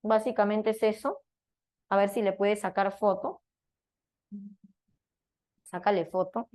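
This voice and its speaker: A woman's voice: mid-range voice, fairly even intonation, a little slow, a little mellow. A woman teaching a philosophy class at a whiteboard, chatty and peppering her explanation with tag questions.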